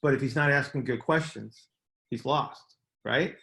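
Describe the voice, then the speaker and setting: This middle-aged host of a casual coaching call speaks a little slowly in a medium-pitched voice that is creaky and a bit bright. His explanations are emphatic, with repeated key words and frequent "right?" check-ins.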